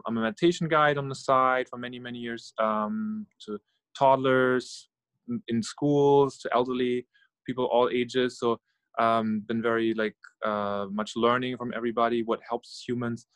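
A middle-aged man from Norway and Germany, a guest on an interview, thinking aloud in a relaxed way with many fillers and soft sighs. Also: medium pitch, normal speed, smooth, dry recording. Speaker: guest, startup founder and meditation guide. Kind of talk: casual interview conversation.

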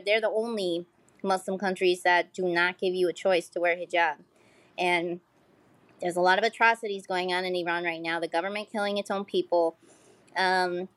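This American podcast guest, a pole dancer, talks frankly in a casual interview, cursing freely and saying "like" constantly. Her voice is mid-range and the recording is dry.

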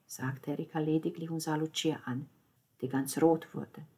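A woman reading a novel aloud as narrator, lifting her voice for the dialogue and dropping to a hushed tone in the narration. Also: low voice, steady tone, normal speed, slightly rough. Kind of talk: audiobook narration.

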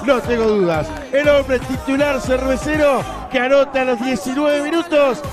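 A Uruguayan man delivers breakneck goal commentary in a very high, excited shout. He stretches his goal calls out long, with music and crowd noise clearly behind the broadcast. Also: normal speed. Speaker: football play-by-play commentator.

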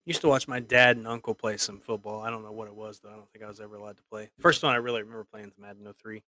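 A man's voice: fairly low pitch, level tone, very fast, bright, forceful tone. A man co-hosting a podcast with friends, chatting casually and making crude jokes. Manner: crude, joking. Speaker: podcast co-host. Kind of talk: casual chat among friends.

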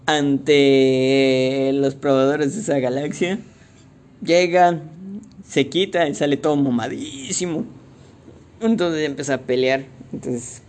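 A young man with a Mexican accent, casually recapping a movie in slangy, animated talk and acting out the quotes. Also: mid-range voice, vocal fry. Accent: Mexican Spanish.

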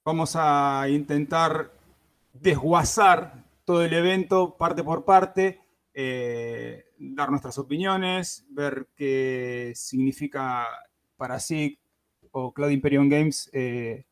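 Speaking slowly in a voice on the high side, a Spanish-speaking podcast host chats casually about gaming. He hesitates often, filling his talk with fillers and starting sentences over.

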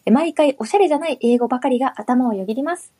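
A woman's voice: sits high, fast talker, dark tone, breathy edge. A woman co-hosting a podcast, politely reading out listener comments and chatting. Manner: polite, reads comments aloud. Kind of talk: casual podcast chat.

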